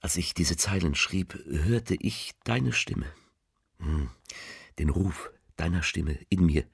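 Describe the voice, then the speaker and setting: A man voicing a letter writer who speaks tenderly to a loved one, reading slowly and softly in a radio play, often sinking into a near whisper. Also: expressive, dry recording, studio quality, heavily acted. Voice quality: very deep, gravelly, husky. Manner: slow, hushed, often half-whispered.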